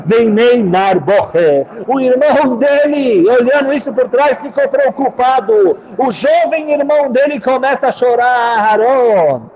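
A man teaching a Torah class, chanting Hebrew verses slowly and explaining them with rhetorical questions. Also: very high voice, a little mellow. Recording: muffled lo-fi recording.

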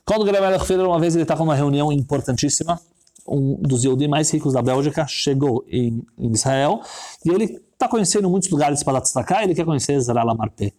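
Religious storyteller, man, slightly high voice, animated suspense-building delivery. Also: fast.

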